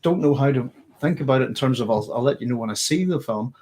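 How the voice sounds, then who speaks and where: Here a fast-talking man with a medium-pitched, lively, slightly mellow and a bit rough voice runs a late-night live science fiction Q&A for his channel. He chats loosely with viewers, rambling and self-correcting as he answers.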